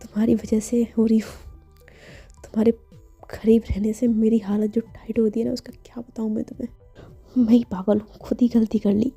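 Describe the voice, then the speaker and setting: A woman's voice: a little high, little pitch movement, moderate pace, vocal fry, dark tone, husky, soft background music. Woman narrating a shy, stammering young woman. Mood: self-scolding. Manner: stammering, flustered.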